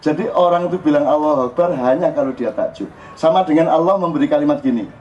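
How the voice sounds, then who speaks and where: Man, Javanese accent, informal sermon to a crowd, animated and joking, slightly high voice, muffled live recording. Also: quick pace, slight background noise. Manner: joking, animated, mixing in local dialect. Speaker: speaker at a religious forum. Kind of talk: informal religious talk to a crowd. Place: live open forum event.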